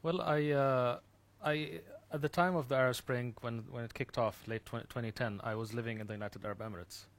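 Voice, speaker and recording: A man from the Gulf region, a guest speaker recounting his experience thoughtfully, with many fillers and restarts that trail off quietly. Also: medium pitch, fairly even intonation, a little fast. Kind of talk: personal account in an interview.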